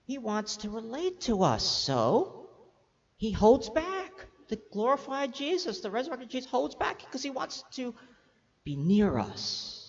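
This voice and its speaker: A man preaching a sermon with an interpreter, animated and playful, teasing the children and stumbling over words in bursts. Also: sits high. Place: church hall. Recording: echoey hall, dull sound.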